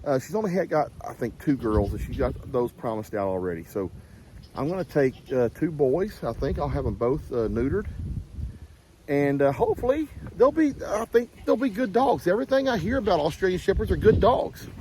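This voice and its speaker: A man's voice: fairly high pitch, sing-song, fairly quick, warm tone. A man chatting casually to camera on a windy farm, rambling and folksy with plenty of "uh" and "y'all". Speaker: farm vlogger. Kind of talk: casual vlog talking to camera. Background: wind and farm animals.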